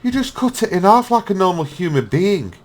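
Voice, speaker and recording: A man's voice: high voice, sing-song, brisk. Guy ranting at dumb hacks, sweary, voice jumps up and down a lot. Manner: exasperated, sweary, mocking. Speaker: reaction video host. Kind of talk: ranting reaction commentary.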